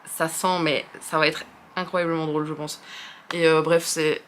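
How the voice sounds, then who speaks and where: A woman's voice: low voice, flat delivery, moderate pace, fairly bright tone, slight background noise. Chatty young Frenchwoman rambling about books. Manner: rambling, many fillers and restarts; self-deprecating, chatty. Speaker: book video host. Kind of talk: casual chat about books.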